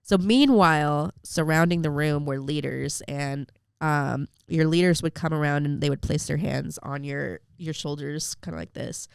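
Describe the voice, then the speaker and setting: Her low voice is creaky yet smooth, at a moderate pace, recorded in studio quality with no room sound. A young podcast guest, she shares a heartfelt personal faith story in an interview, using lots of "like" and fillers.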